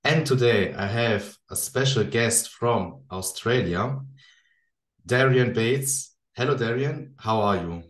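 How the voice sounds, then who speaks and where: A podcast host whose first language is German asks friendly questions in English during a casual interview, often hesitating and restarting. His voice is mid-range and slow-paced, and the room is echoey.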